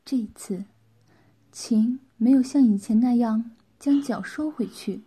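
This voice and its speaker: A woman reads a story as whispered role-play narration. Her voice is breathy and hushed. She is very slow and intimate. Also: fairly high pitch. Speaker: story reader.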